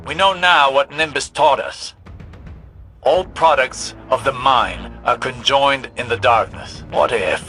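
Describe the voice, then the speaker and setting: In a video game, an actor portrays an older scholarly mentor who is intense and demanding. His male, mid-range voice has a sharp tone, and his speech is formal, measured, and philosophical.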